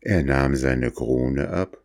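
A man calmly reading a fairy tale aloud as a storyteller, measured and steady. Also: extremely low pitch, vocal fry. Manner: calm, measured.

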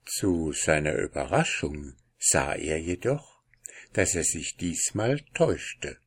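A man reading a fairy tale aloud in a calm storytelling manner. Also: rumbling low, slow pace, slightly rough. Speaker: narrator.

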